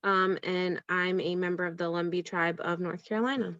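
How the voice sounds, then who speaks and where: Woman, medical case manager, brisk and friendly, dry dull call sound. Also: fairly low pitch, fairly even intonation, a bit bright, no room sound.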